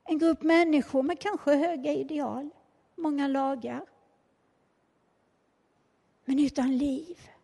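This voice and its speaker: A woman preacher delivering a passionate sermon, swinging between soft murmurs and loud, fervent declarations. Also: high voice, steady tone, creaky, pauses often. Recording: long hall reverb.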